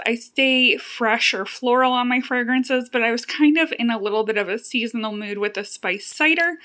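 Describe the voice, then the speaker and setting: A woman's voice: fairly high pitch, a bit bright. A woman talking casually and conversationally to her viewers as she hosts a product review vlog. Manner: chatty, conversational. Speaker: YouTube host reviewing home fragrance products.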